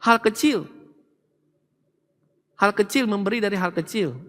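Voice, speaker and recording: A middle-aged male pastor preaching an animated sermon, acting out family members in quick quoted voices. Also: high voice. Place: large church hall. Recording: church hall with long reverb.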